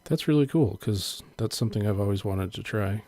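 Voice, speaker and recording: A man's voice: on the low side, brisk, dark tone, no echo. A man co-hosting a podcast, chatting casually in a laid-back, easygoing way. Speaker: podcast co-host. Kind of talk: casual chat.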